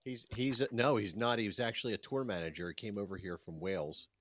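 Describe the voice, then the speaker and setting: A man's voice: lowish voice, fast, fairly bright tone. A man in casual podcast banter, telling easygoing stories.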